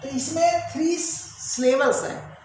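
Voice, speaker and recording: A woman's voice: high voice, slow, darkish tone, faint music behind. A woman teaching an English grammar lesson, drilling pronunciation with repeated quiz questions to her students. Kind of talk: classroom-style grammar lesson. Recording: very echoey room, faint background noise.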